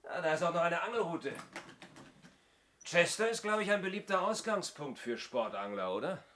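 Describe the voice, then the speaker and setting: This noisy old recording comes from a 1970s radio play in which an actor portrays an inspector's observant male assistant. He speculates with dry wit in a slightly high, animated, somewhat bright voice at a moderate pace.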